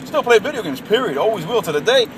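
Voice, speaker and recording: High-voiced, very animated and fast, a gaming vlogger around his late twenties rants to the camera about games. Fillers abound, and everyone gets called "man" or "bro." A faraway microphone records him amid loud traffic, air conditioning and urban vehicle sounds.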